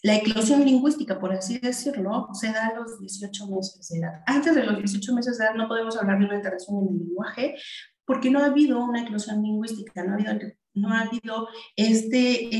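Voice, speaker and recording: A woman's voice: mid-range voice, darkish tone, roomy sound, poor audio. A woman with a Mexican Spanish accent giving a video conference talk as a language specialist, chatty, with many fillers and restarts. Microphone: video call.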